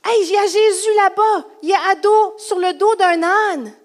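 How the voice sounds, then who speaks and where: A woman with a Quebec French accent playing an excited woman eyewitness in a cheering crowd, calling out to children. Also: sits high, moderate pace, natural voice. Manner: breathless, shouting to a crowd of children. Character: excited woman eyewitness in the crowd, sister of a man raised from the dead.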